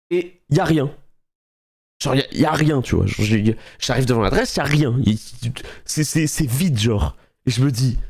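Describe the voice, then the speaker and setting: A young man from France telling a funny everyday story on a live stream, casual and slangy, acting out what people said and laughing often. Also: on the high side. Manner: animated, slangy, acts out quotes, laughs often.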